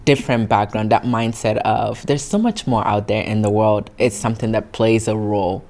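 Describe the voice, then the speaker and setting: A woman's voice: a bass voice, moderate pace, a little mellow. A woman from Italy, giving reflective, encouraging interview answers in an earnest way. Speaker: interview guest, founder.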